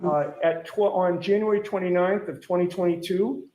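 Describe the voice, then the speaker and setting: A man cross-examining a witness as a lawyer in court, putting detailed, deliberate leading questions and pressing for confirmation. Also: high-pitched, fairly even intonation, dark tone. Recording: echoey courtroom sound with faint noise.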